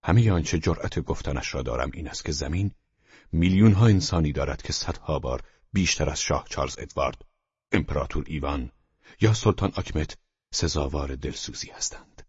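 A man voicing a gloomy, pessimistic older male philosopher in an audiobook, speaking gravely and slowly. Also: extremely low pitch, animated, darkish tone, no echo, pitched below the performer's own voice, full character voice. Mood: brooding. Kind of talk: audiobook reading. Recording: dull lo-fi dry recording.

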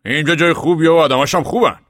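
A man voicing a worried older father in a novel reading, speaking loudly and strained. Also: fairly high pitch, no room sound, clean studio sound, voice pushed up, close to an everyday voice.

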